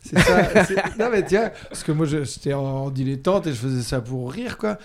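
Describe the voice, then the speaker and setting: A man hosting a podcast in a casual chat, relaxed and halting, rephrasing as he goes. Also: mid-range voice. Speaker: podcast host.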